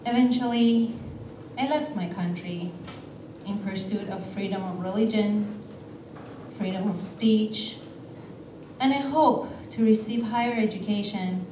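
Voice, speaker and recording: A woman from Iran telling a personal story on a theater stage in a measured way, with deliberate pauses. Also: medium pitch, dark tone, a little hiss or hum. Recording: roomy theater sound from a distance.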